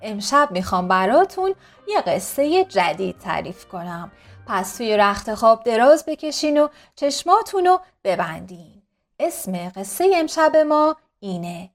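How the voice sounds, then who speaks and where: A woman narrating a children's bedtime story in a soft, soothing, slow manner. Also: a little high.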